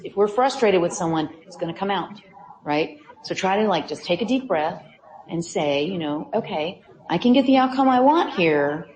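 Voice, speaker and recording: A woman's voice: on the low side, darkish tone. A woman giving a conversational conference talk, telling stories with many fillers and asides. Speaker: presenter. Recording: echoey hall.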